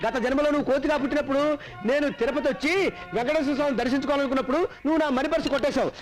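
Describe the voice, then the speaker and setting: A hot-tempered jealous husband. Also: male voice, very high-pitched, steady tone, racing. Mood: angry. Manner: angry shouting threats. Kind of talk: Telugu film comedy acting. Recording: film soundtrack with music underneath.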